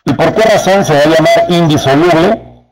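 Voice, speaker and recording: A man teaching a spelling lesson to teachers, explaining slowly and speaking to them directly. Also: a little high, rough recording. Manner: slow, deliberate, addresses teachers directly. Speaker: teacher trainer.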